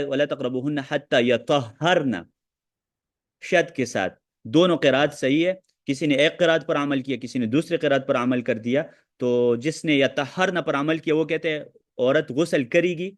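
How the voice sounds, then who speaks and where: Fast-talking man teaching hadith. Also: on the high side. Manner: talks quickly, quoting Arabic texts. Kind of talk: online lecture with questions.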